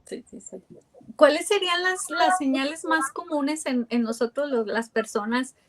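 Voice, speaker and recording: A woman's voice: high-pitched, moderate pace. A woman hosting a podcast interview, asking long reflective questions with frequent fillers. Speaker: podcast host. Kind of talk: conversational interview.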